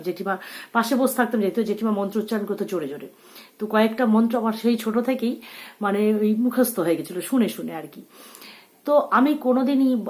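A woman talks to her channel's audience in a casual, personal way. Her pitch sits mid-range. She pauses often, searching for words. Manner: reflective, many hesitations and fillers. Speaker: channel host.

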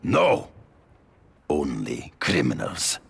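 Kraven, hammy, gravelly very deep hunter. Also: male voice, wildly swooping pitch, heavily acted. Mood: stern, righteous. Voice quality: gravelly, husky. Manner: hammy stage-actor delivery, slow and dramatic. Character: grandiose, theatrical foreign big-game hunter Kraven, middle-aged man. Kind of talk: video game character acting.

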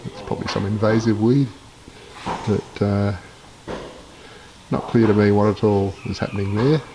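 Against loud building-site noise full of rasping and knocking, a vlogger muses his way through a casual site tour, outdoors and inside bare concrete rooms. His voice is low and steady, his manner hesitant and unhurried.

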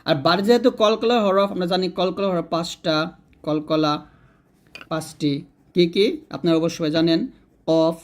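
A man teaching Quran reading step by step, patiently repeating each rule and chanting the sample words slowly. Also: on the high side, fairly even intonation. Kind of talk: step-by-step spelling lesson.

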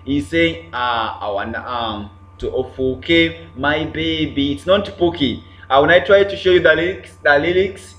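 A man's voice: mid-range voice, fairly bright tone. A man hosting a casual livestream, chatting, repeating himself and greeting viewers by name. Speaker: livestream host. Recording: roomy, dull lo-fi sound with faint hum.

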